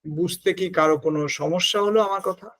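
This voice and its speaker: A man's voice: high-pitched, fairly even intonation, fast, a bit bright. A male teacher giving an exam-prep lecture, explaining step by step, dropping in English terms and checking that his students follow.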